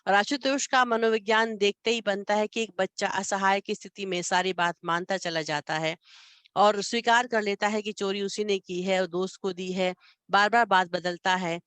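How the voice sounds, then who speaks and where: Woman story reader for a literature channel; expressive, measured narration, middle pitch, dry close recording. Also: no room sound. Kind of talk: storytelling reading and commentary.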